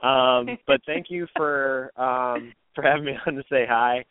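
A man's voice: medium pitch, steady tone, a little slow, a loud crowd. A man chatting casually as a guest caller on a radio show. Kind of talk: casual chat. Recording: dry, tinny phone-like call.

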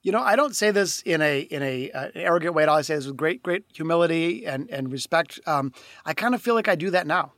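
Fast, earnest male podcast guest. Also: fairly high pitch, animated, fairly bright tone, dry recording, studio quality. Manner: earnest, humble, fast-talking with restarts. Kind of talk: reflective interview talk.

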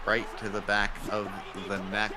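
Slow, low-voiced man as wrestling commentator. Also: completely flat delivery, bright, forceful tone. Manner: explains moves and calls pin counts. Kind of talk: wrestling commentary on a match being watched. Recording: crowd noise behind the voice.

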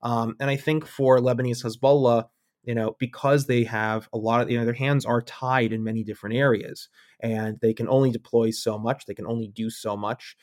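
A man's voice: medium pitch, fairly even intonation, normal speed, darkish tone, no echo, studio quality. A man as a guest analyst in a conversational podcast interview, thinking aloud with wry asides. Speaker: guest analyst on militia groups.

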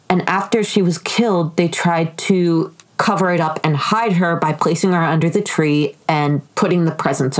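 A woman with an American accent hosting a true crime podcast solo, telling stories in a chatty, informal way with casual swearing. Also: lowish voice.

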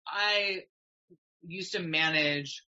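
A woman's voice: fairly low pitch, drawn-out words, bright, forceful tone, muffled recording. A woman talking conversationally, telling stories from her own experience. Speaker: podcast guest, nutrition practitioner. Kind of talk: conversational storytelling.

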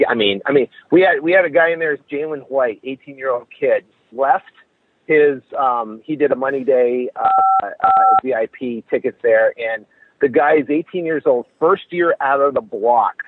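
A man speaking as a podcast guest over a low quality call from his car, eager and rambling with restarts. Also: slightly rough, no echo. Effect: low quality call audio over a phone line. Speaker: podcast guest, event organizer. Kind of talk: promotional chat. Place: in a car while driving. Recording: tinny phone line from a car.

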